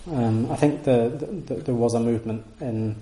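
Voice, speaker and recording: Mellow and medium-pitched, a male lecturer speaks at a moderate pace in an echoey room, giving an informal lecture on Sanskrit texts to an audience and taking questions. He comes across as thoughtful, with many restarts and hedging fillers.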